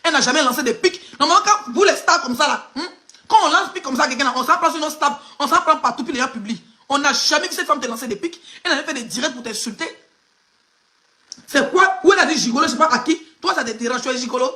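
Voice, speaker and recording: Sharp-toned and high, this Ivorian gossip blogger talks fast and animatedly. Her live commentary, in an Ivorian French accent, mocks emphatically and goes straight at the person under fire.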